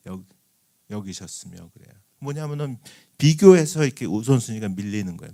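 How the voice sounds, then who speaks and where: Man, middle-aged, missionary preacher, sermon, lively, loud and hushed by turns. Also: mid-range voice. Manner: lively, calls out to the congregation, swings between loud and hushed.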